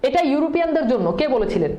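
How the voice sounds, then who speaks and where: A woman's voice: high voice, very animated, warm tone, roomy sound. A woman teacher, quizzing students in an exam-prep lesson and mixing English words into her speech. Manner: quizzing students with quick questions and answers.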